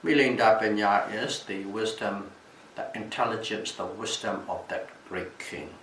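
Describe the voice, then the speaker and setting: A man with a Burmese accent giving a Buddhist talk as a teacher, telling stories in a deliberate, halting way and repeating phrases for emphasis. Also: fairly low pitch, steady tone, fairly bright tone. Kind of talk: dhamma talk with storytelling. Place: echoey room at a retreat. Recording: distant mic, echoey room, background hiss.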